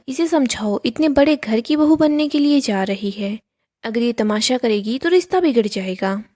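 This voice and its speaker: A woman reading a scripted recap of a TV serial, telling the scenes and reading the characters' lines aloud in an even storytelling tone. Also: high voice.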